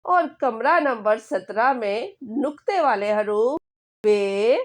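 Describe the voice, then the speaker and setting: A woman with a fairly high voice narrates a children's storybook. She reads out letters and their sounds one by one, slow and clear. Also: animated.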